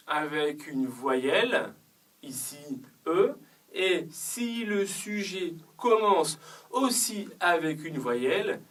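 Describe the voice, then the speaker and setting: Brief: language teacher, unhurried and methodical, voice set back from the mic. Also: mid-range voice, distant mic, poor audio. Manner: slow, careful, drawn-out explanation with spoken example sentences. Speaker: French teacher. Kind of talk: recorded grammar lesson.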